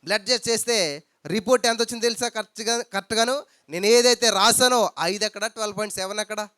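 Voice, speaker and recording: Guy preaching a sermon, keeps calling hallelujah, sharp clear voice. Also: high voice, quick pace, no echo, studio quality. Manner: emphatic preaching with hallelujah calls and questions to the crowd. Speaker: pastor. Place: church hall.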